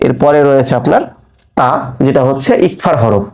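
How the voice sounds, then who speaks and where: With a mid-range, slightly mellow voice and some vocal fry, a man teaches the rules of Quran recitation, walking through them step by step while asking and answering his own questions. When reciting verse words, he draws them out in a sung style.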